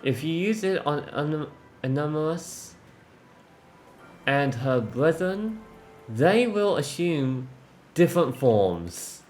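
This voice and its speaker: Wise old woman sage read by a man, calm, measured, soft, lively pitch. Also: soft background music. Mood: calm, reflective. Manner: reads slowly and softly, measured. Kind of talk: reading game dialogue aloud.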